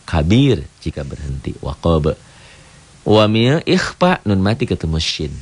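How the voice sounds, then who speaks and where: A man's voice: low-pitched, gravelly, a little mellow, breathy edge. A man teaching Quran reading rules on a radio program, explaining patiently step by step and pointing things out as he goes. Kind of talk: radio tajwid lesson. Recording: radio broadcast with faint hiss.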